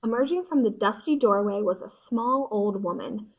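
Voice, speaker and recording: A woman narrating a storybook in an expressive, descriptive reading. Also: medium pitch, normal speed, muffled recording.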